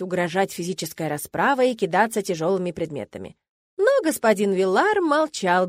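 A woman's voice: medium pitch, darkish tone, dry recording, studio quality. Woman reading a novel aloud. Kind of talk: audiobook narration.

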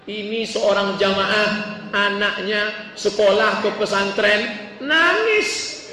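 A man preaching a sermon, telling stories and acting out the people in them in an animated way. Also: high-pitched, measured pace. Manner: animated, acts out voices of people in his stories. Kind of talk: sermon with storytelling. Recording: echoey hall, voice from far off, faint noise.

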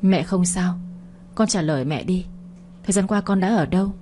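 A woman voicing a frail, worn-out mother in a storybook reading, gentle and tearful. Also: fairly low pitch, moderate pace, soft background music, lightly acted. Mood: anxious. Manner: tearful, pleading.

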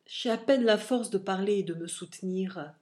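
A woman reading aloud, voicing a heartbroken young nobleman who pleads and reproaches in a slow, impassioned, declamatory way. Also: medium pitch, darkish tone, close to an everyday voice. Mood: tender plea.

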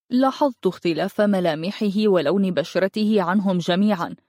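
A woman reading a first-person novel aloud in a steady, expressive storytelling manner. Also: medium pitch, no echo, clean studio sound. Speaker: narrator. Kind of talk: audiobook narration of a novel.

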